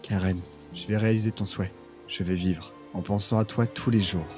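A man acting an emotional young boyfriend in an audio drama, easily exasperated and expressive. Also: fairly low pitch, brisk, soft background music, lightly acted. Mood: resigned, solemn. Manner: expressive, swinging from soft narration to anguished cries.

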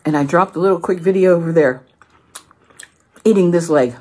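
A woman hosts an eating video, talking straight to her viewers in a casual, playful way. Her voice sits low, with a husky grain running through it. She keeps it loose and chatty between bites. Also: moderate pace, a little mellow. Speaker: mukbang host. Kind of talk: casual eating vlog chat.

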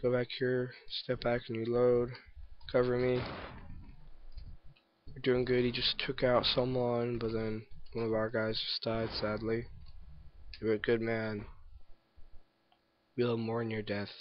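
A man's voice: mid-range voice, completely flat delivery, slow pace, pauses often, slight background noise. Guy mumbling thru his gameplay, hiccuppy and yawny, kinda muffled cheap mic. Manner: rambling, self-deprecating, chuckles at his own misses. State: hiccups and yawning. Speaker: gameplay video maker. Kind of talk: casual gameplay commentary.

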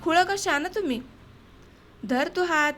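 A blunt village man who orders his companion about in short, teasing lines, read by a woman. The voice sits high and bright, an audiobook storyteller barely shifting her own voice for him. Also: lively intonation, a little slow, a little hiss or hum, full character voice. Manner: blunt, bossy village talk. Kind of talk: audiobook dialogue reading.

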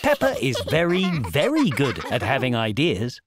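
A man with a British accent narrating a children's cartoon like a storybook, in a gentle, simple, emphatic way. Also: mid-range voice, wildly swooping pitch, normal speed, background noise. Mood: gently amused. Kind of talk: scripted narration.

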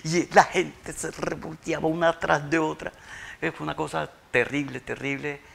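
A grieving father, telling his story in a halting, tearful interview and repeating words when overcome. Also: fairly high pitch, level tone, gravelly, a bit bright. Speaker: interview guest, bereaved father. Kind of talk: emotional interview testimony.

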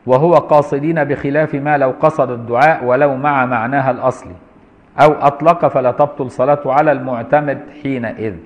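A man's voice: medium pitch, steady tone, quick pace. A man with an Egyptian accent teaching Islamic law to a class, reading a text and adding colloquial, mocking asides. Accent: Egyptian Arabic. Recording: roomy lo-fi lecture hall recording.

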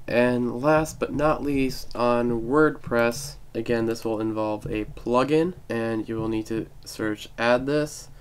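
In a relaxed screen-recorded tutorial, a young tech host still shaking off a cold guides viewers through a website one step at a time, dropping self-deprecating remarks. His voice is on the low side with a clean tone.

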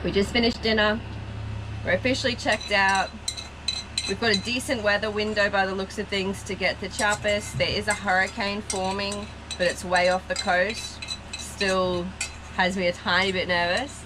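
A woman's voice: mid-range voice, flat delivery, normal speed. Chatty woman vlogging on a noisy boat. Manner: chatty, gently explanatory. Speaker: veterinarian and sailing vlogger. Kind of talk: casual vlog talk to camera. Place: aboard a sailboat and on a harbour dock, mostly outdoors. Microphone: handheld action camera. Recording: loud wind and boat noise.

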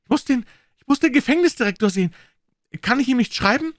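A hoarse, shrill prisoner voice, frantic and bewildered, as a male reader puts him on. It climbs far above the reader's low voice and sounds close and dry. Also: expressive, fast talker, dry recording.

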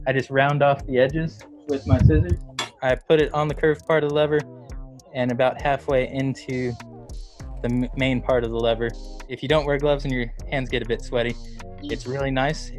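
Matter-of-fact mechanic explaining outdoors. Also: male voice, medium pitch. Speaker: bike race mechanic. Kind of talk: casual how-to explanation.

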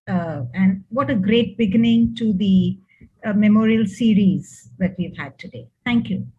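A woman's voice: on the high side, darkish tone, husky. An older woman with an Indian accent giving an informal speech of thanks and reminiscence over a video call. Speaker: speaker giving thanks and family memories. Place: indoor room, on a video call. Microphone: computer mic on video call. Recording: dull video call audio.

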